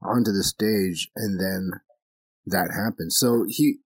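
Hosting a casual comedy podcast, a man talks things through earnestly and acts out other people's reactions. His low, husky voice moves slowly, with no echo.

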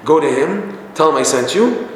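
A man's voice: a little high, expressive, normal speed, close to an everyday voice. A man voicing an impatient king of the birds in an echoey hall with faint noise. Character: weary male king over the birds.

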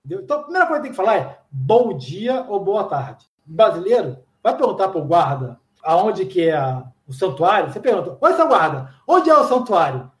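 A man from Brazil with a Brazilian Portuguese accent, chatting casually as an interviewee, slangy and full of anecdotes and quick asides. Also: sits high, very animated, darkish tone. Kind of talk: casual chat. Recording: echoey room.

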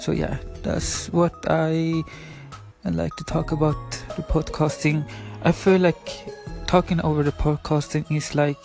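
Music plays behind this twentysomething host from Sweden, who speaks English with a Swedish accent though Spanish is his native tongue. On his casual solo podcast his fairly high, gravelly voice stays level and a little slow, and he keeps hesitating, filling gaps and apologizing.

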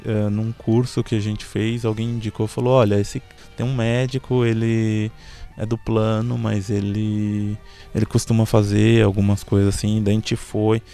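A man's voice: fairly low pitch, warm tone. A man, talking as a panel guest in a casual discussion, searching for his words and repeating himself.

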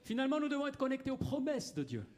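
A man's voice: very high voice, big pitch swings, a little mellow. A man interpreting a sermon live, following the preacher phrase by phrase and often rephrasing as he goes. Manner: quick, repeats and rephrases.

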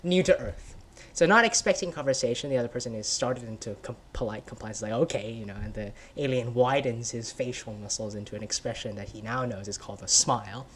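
A man's voice: medium pitch, quick pace, few pauses, a bit bright, a little hiss or hum. A man speaking as a podcast guest in casual conversation, rambling and filling his talk with "right?", "like" and "sort of", often laughing.

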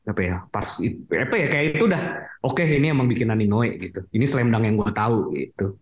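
A man, excitedly reviewing a film in casual podcast chat, full of fillers. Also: lowish voice, quick pace. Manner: enthusiastic, fillers, slangy.

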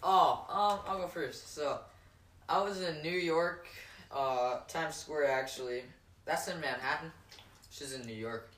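A man's voice: on the high side, unhurried, distant mic. Joking young man in an echoey room. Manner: jokey, rambling storyteller with loud put-on voices. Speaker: podcast co-host. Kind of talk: casual chat among friends.

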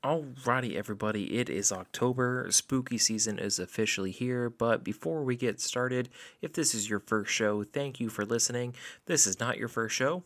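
A man's voice: mid-range voice, moderate pace, hardly any pauses, fairly bright tone, slight background noise. A man from Florida with an American accent, talking casually and informatively as a podcast host. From Florida, USA.

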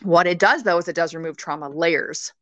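A woman guest on a podcast, talking intensely and swearing freely, now and then bursting into shouted quotes. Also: fairly low pitch, fairly quick, no echo. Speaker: podcast guest, rage coach. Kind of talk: emphatic interview talk.

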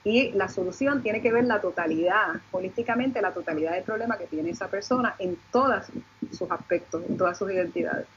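A woman's voice: medium pitch, a little fast, slight background noise. Puerto Rican woman explaining, slightly muffled sound. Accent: Puerto Rican Caribbean Spanish. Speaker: law lecturer and panelist. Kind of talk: panel discussion, explanatory.

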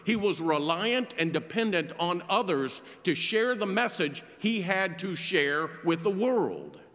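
A man preaching a sermon in a church, telling a story in a measured, earnest way. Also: high-pitched, big pitch swings, fairly bright tone, in a large hall. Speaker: pastor. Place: church sanctuary.

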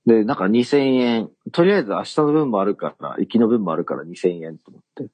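Husky low-voiced man telling a rambling story. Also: lively intonation, fairly quick, darkish tone, no room sound. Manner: rambling, many fillers and restarts. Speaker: podcast co-host. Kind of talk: casual chat, telling an anecdote.

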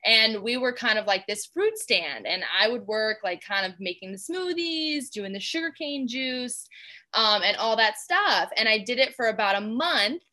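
Bubbly, bright-voiced young woman. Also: a little high, lively intonation, moderate pace. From Georgia, USA. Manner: bubbly, chatty, many fillers like "like". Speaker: guest. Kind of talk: casual interview chat.

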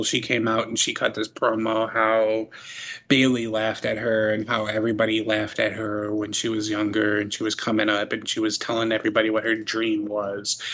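A man with a fairly low voice recaps wrestling shows as a podcast co-host. He talks loosely, with plenty of fillers, and laughs often. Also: a bit bright, muffled recording. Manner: chatty, laughing, filler-heavy storytelling. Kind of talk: casual chat.

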